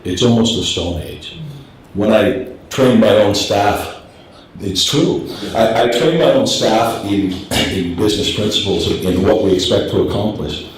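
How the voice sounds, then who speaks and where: In a meeting room, a middle-aged man gives an informal business presentation in a candid, plain-spoken way, full of fillers and restarts. His voice is on the low side and unhurried. The room is echoey, he is far from the mic, and there is a little hiss or hum.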